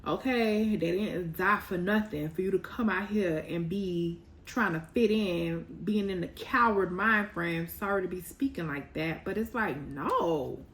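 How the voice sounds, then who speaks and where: Blunt, animated woman reading tarot. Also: on the low side, measured pace, few pauses, a little hiss or hum. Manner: blunt, animated, scolding and teasing. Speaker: tarot reader.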